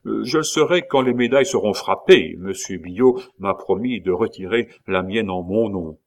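A man's voice: lowish voice, normal speed, natural voice. A man reading aloud and voicing a boastful but hesitant young man in an audiobook. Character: boastful, wary young man back from the city.

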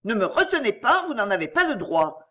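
A proud, volatile aristocratic lady in anguish, as a woman reader puts her on, pitched above the reader's own voice, with a swooping, lively melody. She speaks with passionate, declamatory force, as in a storybook reading. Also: measured pace. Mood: bitter.

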